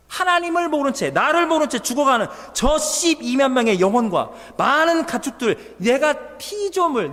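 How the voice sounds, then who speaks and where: A man voicing God as a patient, grave figure who asks a prophet solemn, measured questions. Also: very high voice, a bit bright. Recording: long church hall reverb.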